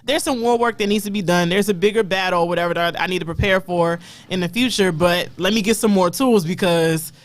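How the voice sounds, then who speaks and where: A woman appearing as a guest on a casual talk show, giving steady and encouraging advice. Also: lowish voice, fairly quick, hardly any pauses, dry recording. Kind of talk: casual podcast chat.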